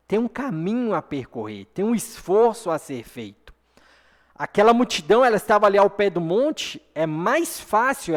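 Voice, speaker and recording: A man with a Brazilian accent preaching an earnest sermon to a congregation, often asking for an "amen". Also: sits high. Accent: Brazilian Portuguese. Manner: earnest, repeats "amém?" to the congregation. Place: church hall. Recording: long hall reverb.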